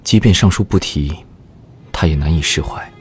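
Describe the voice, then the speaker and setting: A male actor playing a composed, courteous scholar in a Chinese historical audio drama, speaking in a measured, polite way. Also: very deep voice, a little hiss or hum. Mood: composed, gentle.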